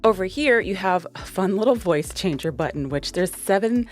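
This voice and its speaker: A woman's voice: medium pitch, lively intonation, normal speed, faint music behind. A young woman giving a casual, chatty product walkthrough into a dynamic podcast mic, with plenty of fillers. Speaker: tech reviewer.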